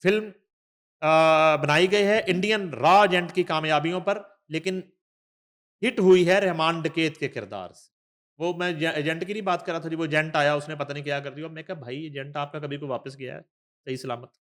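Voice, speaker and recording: A news talk show host with a Pakistani accent reads an article aloud, breaking in with conversational asides in an emphatic, deliberate way. His voice is on the high side and fairly bright, with fairly even intonation.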